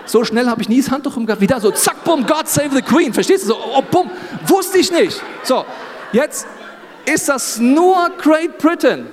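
Lively South German pastor in a hall. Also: male voice, very high voice, normal speed, slight background noise. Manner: animated storytelling with jokes and laughter. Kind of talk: humorous sermon. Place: large hall with audience. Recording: live hall reverb.

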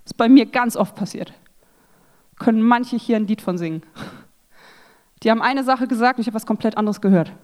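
A young woman giving a sermon talk at a church women's evening, lively and self-mocking, acting out what others say. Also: fairly high pitch, fairly quick, pauses often. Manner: lively, self-mocking, acts out quoted voices.

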